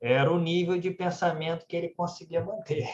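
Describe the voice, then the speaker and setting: Speaking at a spiritist centre, a Brazilian Portuguese-accented man tells religious anecdotes in a chatty way, sprinkling in "né" tags. He talks fairly quickly in a steady tone, and his slightly high voice is a little mellow. There's a faint hiss or hum, and the echoey recording sounds dull and muffled.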